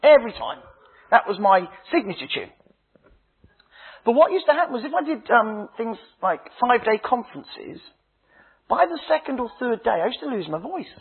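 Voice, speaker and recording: Husky preacher on a tinny line. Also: male voice, very high voice, big pitch swings. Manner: dramatic preaching, slow emphatic phrases dropping to hushed tones; humorous storytelling. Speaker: minister. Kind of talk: sermon. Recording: tinny phone-like sound.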